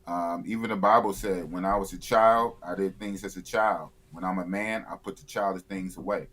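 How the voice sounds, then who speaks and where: A man's voice: low voice, fairly even intonation, normal speed, a bit bright. A man of fifty, a YouTuber guest in a casual live interview, blunt and opinionated, often repeating himself. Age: 50s.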